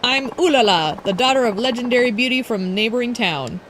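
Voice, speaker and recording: A snooty young idol girl who brags and taunts in a raised, sing-song voice, as a woman reads her lines aloud. Her tone swings high and sharp with disdain, all boast and sneer, like a spoiled video game rival. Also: expressive, brisk, a little hiss or hum. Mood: haughty. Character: bratty, arrogant young female rival idol.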